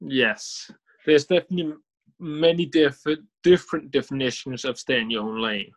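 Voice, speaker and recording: A man co-hosting a podcast, joking and interjecting, speaking in halting restarts when he explains his view. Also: mid-range voice, rough recording. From Denmark. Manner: playful, jokes and interjects, then talks in slow, halting restarts. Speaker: podcast co-host. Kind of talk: casual podcast chat.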